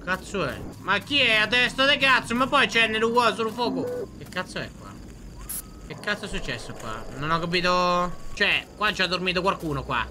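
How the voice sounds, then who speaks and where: High, excitable man swearing through a game. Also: moderate pace, noisy background. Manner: excitable, swears a lot, talks to himself. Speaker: gaming streamer. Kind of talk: horror game let's play commentary.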